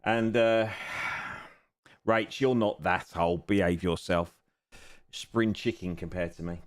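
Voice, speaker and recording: Seated at a home racing simulator, a man in his fifties chats casually on a live stream. His voice sits low and he speaks slowly, often chuckling and poking fun at himself.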